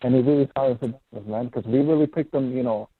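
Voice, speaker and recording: A man calling in to a show, his voice muffled as if through a wall, halting and repeating words. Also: medium pitch, no room sound. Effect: muffled phone line, as if through a wall. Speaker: caller. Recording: muffled tinny phone line.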